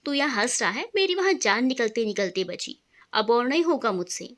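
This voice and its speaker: A woman voicing a joking, flattering young man who is nervous around his friend's wife, in a storybook reading. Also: fairly high pitch, normal speed. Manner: jokey, flattering.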